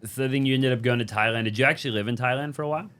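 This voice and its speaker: A man's voice: mid-range voice, fairly bright tone, clean tone. A man hosting a podcast, asking casual questions with lots of "like" and "you know". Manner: quick, filler-heavy questions. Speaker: podcast host. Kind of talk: casual interview chat.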